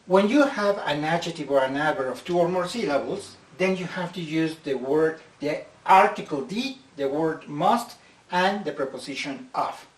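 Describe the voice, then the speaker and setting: English teacher, roomy distant sound. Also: male voice, on the high side, expressive. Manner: slow, careful explanations, stretching out example words. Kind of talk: slide-based grammar lesson.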